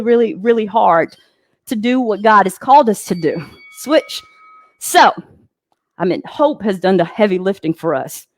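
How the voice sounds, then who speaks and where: A female fitness instructor leads a guided workout, calling out moves with upbeat encouragement. Her voice is medium-pitched and the audio has no echo.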